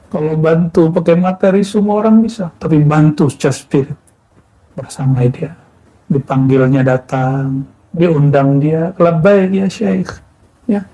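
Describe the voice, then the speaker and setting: A man preaching a Sufi sermon in a plain, unhurried teaching manner, asking rhetorical questions and answering them himself. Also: on the high side, warm tone, breathy edge, low-quality recording. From Indonesia.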